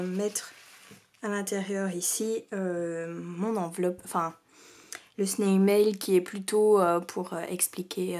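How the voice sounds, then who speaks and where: A medium-pitched, darkish-toned woman does a casual craft show-and-tell of scrapbooking mail on her vlog. Her speech is hesitant and filler-heavy, occasionally falling to a near-whisper, and the recording has faint background noise and clicks.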